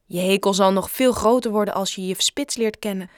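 A woman's voice: medium pitch, brisk, no echo, studio quality, natural voice. A woman voicing an awkward, self-conscious schoolboy who stammers in a read-aloud story. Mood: flustered.

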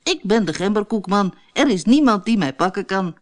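A woman's voice: medium pitch, lively intonation, moderate pace, lightly acted. Woman doing a cheeky boastful gingerbread man. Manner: proud, mocking, sing-song.

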